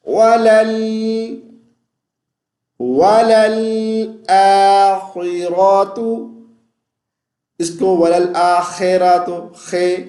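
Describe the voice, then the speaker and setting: Guy teaching quran recitation, high voice, keeps checking okay?, roomy echo. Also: a little mellow. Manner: explains quickly, then recites verses slowly and melodically; often checks in with "okay?" and "theek hai?". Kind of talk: tajweed lesson with melodic recitation.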